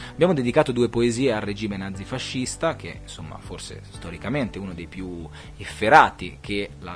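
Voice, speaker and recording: Low-voiced reflective male poetry host. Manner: reflective, digressive, with hesitant fillers and restarts. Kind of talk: podcast talk with poetry reading. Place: studio.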